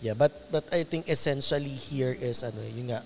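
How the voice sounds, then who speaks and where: Pastor mixing English into talk. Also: male voice, mid-range voice, normal speed, creaky. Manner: mixes English phrases into his talk. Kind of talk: casual chat.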